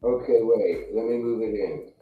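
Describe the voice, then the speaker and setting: A man's voice: on the low side, moderate pace, soft background music. Flustered male guest, muffled as if through a wall, on a distant dull computer mic in a hollow room. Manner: flustered, fumbling with his setup. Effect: muffled, distant voice as if heard through a wall. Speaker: guest calling into a live stream panel. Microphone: computer mic away from the mouth. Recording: roomy, dull computer mic far from the speaker.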